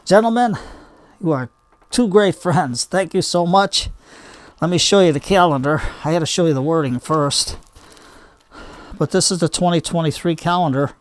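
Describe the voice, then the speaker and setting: A man's voice: a little high, moderate pace, long pauses, dry recording. An older man hosting a hobby gardening video, chatting casually in a homespun, rambling way as he demonstrates by hand. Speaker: bonsai hobby video host.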